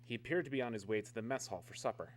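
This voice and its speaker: Casting: male actor as brisk, evasive army major, quick delivery, radio drama, humming noisy background. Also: mid-range voice, close to an everyday voice. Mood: guarded, matter-of-fact. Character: guarded, methodical military security major questioning a visitor. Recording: clear background noise with hum.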